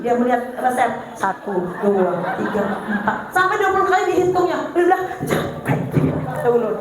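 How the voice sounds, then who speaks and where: A middle-aged woman with a Banjar accent giving a lively, humorous parenting seminar to an audience, animatedly acting out funny anecdotes about her husband. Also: high-pitched. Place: large hall with an audience. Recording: very echoey hall, faint noise.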